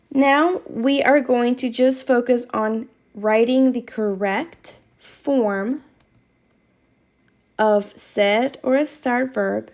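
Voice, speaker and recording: A woman's voice: fairly high pitch, darkish tone. A woman teaching Spanish, reading quiz questions aloud and patiently repeating instructions to her students.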